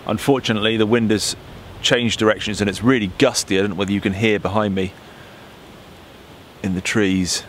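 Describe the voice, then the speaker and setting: A tired man in his forties with an English accent talks casually to the camera while busy with his hands, low in pitch and wry about his own efforts. He is outdoors in woodland at night on a camera mic. A faint rumble sits under the voice. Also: a little fast. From England. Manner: relaxed, self-deprecating, talks while working with his hands. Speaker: bushcraft vlogger. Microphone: camera mic, close framing.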